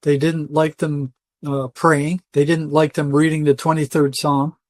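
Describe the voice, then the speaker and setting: An older man, a retired psychotherapist appearing as an interview guest, tells stories in a conversational, colloquial and emphatic way, often quoting imagined dialogue. His voice sits on the high side with little pitch movement, and he speaks a little slowly with no echo.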